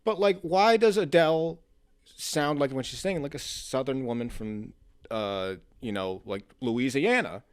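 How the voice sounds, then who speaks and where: A man's voice: medium pitch, measured pace, clean tone, no echo. A man co-hosting a casual podcast, blunt and joking, swearing casually. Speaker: podcast co-host. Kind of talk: casual chat.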